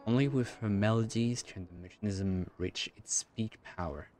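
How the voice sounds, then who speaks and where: A man in his thirties reacting to a game as a streamer, musing haltingly and repeating words as he reads aloud. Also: fairly low pitch, a little mellow, soft background music. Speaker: gaming streamer. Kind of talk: live game reaction commentary, reading text aloud.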